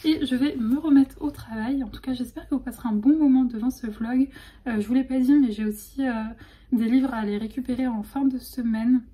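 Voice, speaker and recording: A young woman chatting excitedly in a casual vlog, full of fillers and restarts. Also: high voice, a little fast. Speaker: vlogger.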